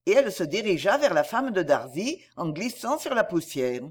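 A woman narrating a storybook in an expressive, measured reading style. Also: fairly low pitch, husky.

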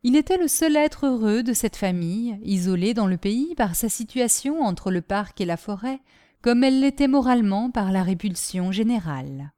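A woman reading a classic novel aloud in a measured, clear narration. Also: mid-range voice, expressive, warm tone, dry recording, studio quality. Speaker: audiobook narrator.

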